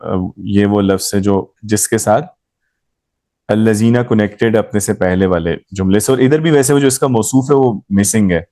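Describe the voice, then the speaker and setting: A man's voice: lowish voice, moderate pace, dark tone. A man teaching a grammar class, explaining patiently and quizzing his students as he goes. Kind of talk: live class lesson.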